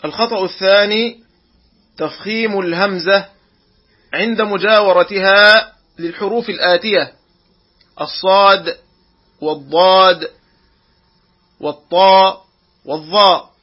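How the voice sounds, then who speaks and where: A man teaching Quran recitation rules, drawing out each example word slowly and deliberately. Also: high voice, breathy edge, muffled recording. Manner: slow, deliberate, drawn-out example words. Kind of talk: tajweed lesson.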